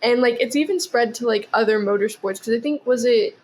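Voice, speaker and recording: Speaking a little fast in a fairly high voice, this podcast guest rambles through a casual chat, leaning heavily on "like" and "um." A little hiss or hum can be heard in the background.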